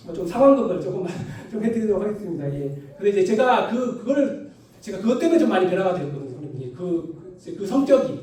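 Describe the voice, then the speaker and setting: A man from North Gyeongsang giving a sermon with humorous anecdotes, animated and constantly asking the congregation for agreement. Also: high voice. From Yeongju, North Gyeongsang, Korea. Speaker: lay preacher. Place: church hall. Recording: echoey church hall, distant mic.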